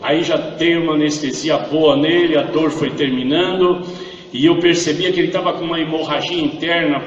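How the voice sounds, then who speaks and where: A man's voice: on the high side, distant mic, highs cut off. A man with a Brazilian Portuguese accent giving an emotional church testimony, acting out the dialogue as he tells the story. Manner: acts out dialogue, grows louder and impassioned. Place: church hall. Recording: echoey hall, voice from afar.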